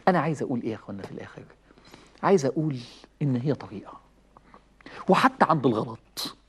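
Speaking at a racing clip in a husky, medium-pitched voice, this Egyptian Arabic-accented preacher delivers an animated religious talk. Stories, chuckles, and acted-out quotations fill his speech.

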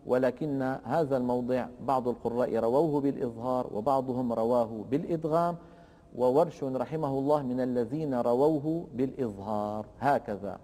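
A man teaching Quran recitation rules, explaining slowly and deliberately and chanting the verse examples in a drawn-out way. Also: medium pitch, dark tone, in a large hall. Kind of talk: tajweed lesson with recited examples.

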